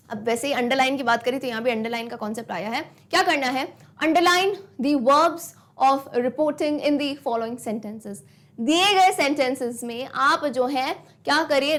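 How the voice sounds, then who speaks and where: Woman teacher, high voice, mixes Hindi and English, lively classroom explaining. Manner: mixes Hindi and English, asks the class questions and answers them herself. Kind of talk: classroom lesson explaining grammar.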